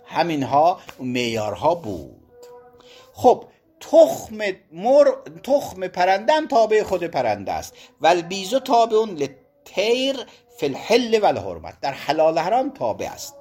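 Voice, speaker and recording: A man's voice: fairly high pitch, darkish tone, breathy edge. A man giving a religious studies lesson. He reads out Arabic legal phrases and explains each one in Persian.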